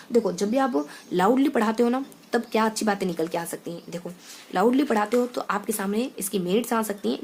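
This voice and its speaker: A woman's voice: medium pitch, a little mellow, a little hiss or hum. A young woman teacher speaking English words, explaining exam material through mnemonics and often correcting herself. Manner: explains with mnemonics, repeats points, many self-corrections. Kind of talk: exam-prep lecture.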